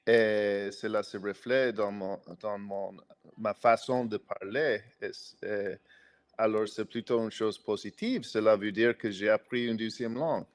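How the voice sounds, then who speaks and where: A native English speaker from the United States, a man with an American accent, joins a podcast as a guest for a casual chat. His lowish voice keeps a fairly even intonation at a measured pace. He talks carefully and hesitantly, with many restarts.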